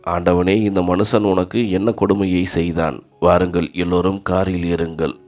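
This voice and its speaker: A man reads as a bold, wealthy woman in a spoken storybook, protective and commanding, with firm orders. The voice underneath is very deep and barely changed. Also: level tone, moderate pace, darkish tone, soft background music, lightly acted.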